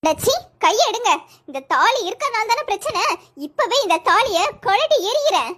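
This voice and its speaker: A very high, shrill young wife. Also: very animated, moderate pace, heavily acted. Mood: angry. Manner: scolding, then softening. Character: young wife, stubborn and sharp-tongued.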